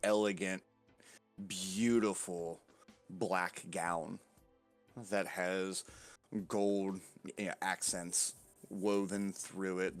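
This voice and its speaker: A man narrating as game master in a casual, rambling way with many fillers. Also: sits low.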